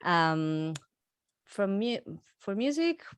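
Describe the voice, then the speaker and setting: A woman's voice: medium pitch, big pitch swings, drawn-out words, smooth, no echo, clean studio sound. A woman from Argentina, a musician in her thirties, chatting in an interview and laughing often. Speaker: musician guest. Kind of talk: casual interview conversation.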